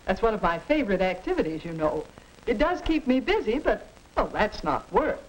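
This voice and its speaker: A woman's voice: medium pitch, very animated, moderate pace, lightly acted. A woman playing a busy, contented housewife and mother in a chirpy, proper 1950s educational film style. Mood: busy, pleased. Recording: noisy 1950s film soundtrack.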